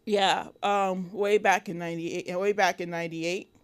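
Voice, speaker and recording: A woman's voice: lowish voice, steady tone, moderate pace, clean tone. A woman in her thirties from Connecticut, talking casually as an interview guest, with many fillers and restarts. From Connecticut, USA. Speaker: interview guest, illustrator and cartoonist.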